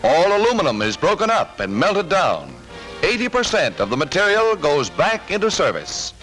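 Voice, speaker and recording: A man narrating a 1940s wartime newsreel in a brisk, punchy, patriotic manner, heard as an old newsreel soundtrack. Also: on the high side, very animated, rough recording. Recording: narration over loud music.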